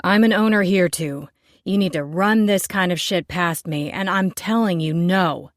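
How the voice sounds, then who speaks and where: A woman reading an angry male bar co-owner, shouting slowly and forcefully. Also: on the low side, no echo, clean studio sound, close to an everyday voice.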